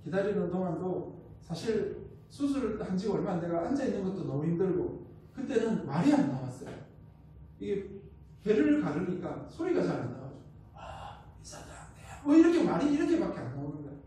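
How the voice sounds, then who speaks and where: A high-pitched man from South Korea's Gyeongsang region, speaking with a Gyeongsang accent, preaches a missionary's sermon very animatedly and fairly quickly, telling stories with rhetorical questions and acting out what others said to him. His tone is soft and mellow rather than bright. He's recorded far from the mic in a booming church sanctuary, with faint room noise.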